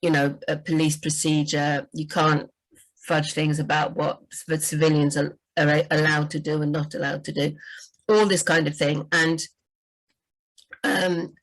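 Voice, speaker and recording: A woman with a slightly low voice chats as a book editor. She talks loosely, with lots of "you know" and self-corrections. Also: flat delivery, a little slow, poor audio. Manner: chatty, frequent "you know" and restarts. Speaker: book editor and writing coach. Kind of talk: casual livestream chat.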